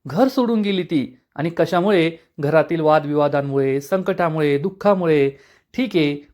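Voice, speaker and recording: A reproachful landowner who lectures about standing by one's family, voiced by a man. He sounds disappointed and preachy. The voice runs slightly high. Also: a little mellow, close to an everyday voice. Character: upset landowner scolding on a phone call.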